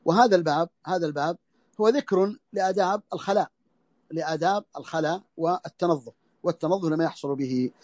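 Fast, high-voiced man teaching a religious lesson. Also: a little mellow, no echo. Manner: repeats phrases slowly for emphasis. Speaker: Islamic scholar teaching a text. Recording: audio lesson over the internet.

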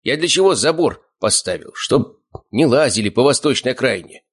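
Мужчина изображает грубого вспыльчивого отца семейства. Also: male voice, medium pitch, lively intonation, moderate pace, pitched above the performer's own voice. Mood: angry, gruff. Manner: barking, rough, threatening. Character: gruff hot-tempered older father, head of family.

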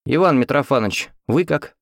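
A man voicing a stern, brisk female nurse who gives curt orders. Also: medium pitch, expressive, creaky, no room sound, clean studio sound, pitched above the performer's own voice. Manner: curt, commanding.

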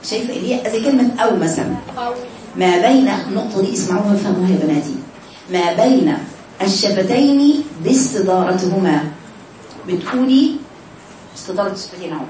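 A woman with an Egyptian Arabic accent teaching Quran recitation in a class, drawing sounds out slowly to demonstrate them and asking her students questions. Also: medium pitch, animated, mellow. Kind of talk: online class lesson with students. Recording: echoey distant noisy recording.

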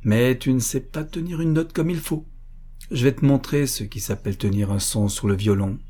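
A man voicing an eccentric, pompous old baron who lectures a young violinist in a fatherly way, in a husky voice. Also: mid-range voice, normal speed, mellow, natural voice. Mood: lecturing.

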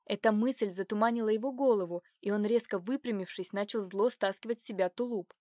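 A woman narrating a historical romance novel in an even, measured reading voice. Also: mid-range voice, no room sound. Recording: dry close recording.

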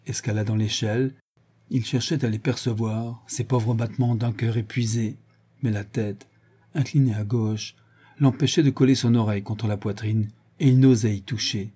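A man reading a classic novel aloud as an audiobook narrator, measured and theatrical. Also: fairly low pitch, fairly even intonation, dark tone, husky. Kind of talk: dramatic literary narration.

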